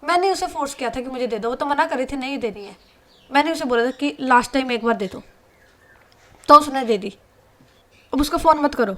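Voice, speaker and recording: A woman's voice: sits high, animated, brisk, long pauses. A woman voicing a young female hospital patient who wheedles and pleads. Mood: sulky.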